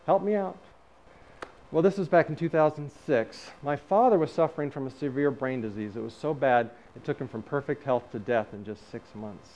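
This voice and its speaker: A middle-aged man telling a personal story in a talk, lively, acting out the dialogue. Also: medium pitch, fairly quick, few pauses. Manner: lively storyteller who acts out quoted dialogue. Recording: slightly dull recording with faint background noise.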